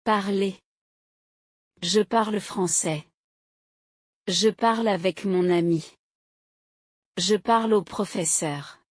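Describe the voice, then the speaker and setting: Very slow, dry woman reading sentences. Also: medium pitch, dry recording. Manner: steady, clearly articulated drill delivery. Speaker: language teacher reading example sentences. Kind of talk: slow, carefully paced reading of example sentences.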